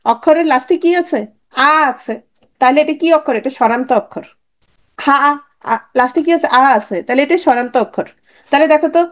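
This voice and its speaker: A woman teaching an exam-prep grammar lesson in Bangladeshi Bengali, asking questions and answering them herself. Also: high voice. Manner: quizzing, answers her own questions. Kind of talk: lecture on grammar.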